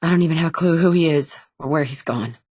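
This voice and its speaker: A dry recording of video game dialogue: the actress sits low and talks at a quick pace, her voice a little mellow and slightly rough. As the player character, a determined young mother searching for her kidnapped son, she stays dry, blunt and sometimes sarcastic.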